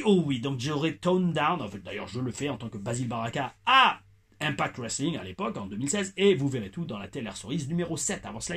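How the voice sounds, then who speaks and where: A husky-voiced man from France hosts a casual wrestling review. He talks in an animated way, with playful asides and quick jokes. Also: medium pitch. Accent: French. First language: French.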